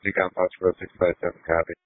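A man's voice: deep voice, completely flat delivery, quick pace, dry recording. A man calling in terse, procedural status reports as an emergency responder over a two-way radio. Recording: narrow, tinny radio transmission.

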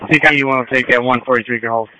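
A man working as a fire officer, giving brisk, matter-of-fact reports over two-way radio. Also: mid-range voice, steady tone, bright, forceful tone, no room sound, rough recording.

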